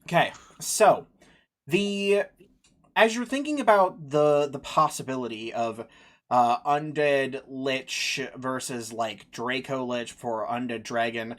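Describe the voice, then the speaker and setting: A man acts as game master for a tabletop game. He moves slowly through his narration, halting to think aloud, and slips into casual chat with the players. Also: medium pitch.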